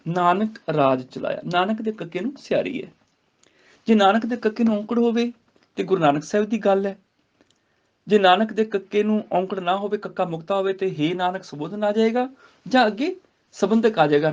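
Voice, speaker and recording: Man, high-pitched, religious grammar class teacher, muffled lo-fi sound, recites then explains. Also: a little mellow. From India. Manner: recites verses slowly, then explains word by word. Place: gurdwara class. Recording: dull lo-fi recording.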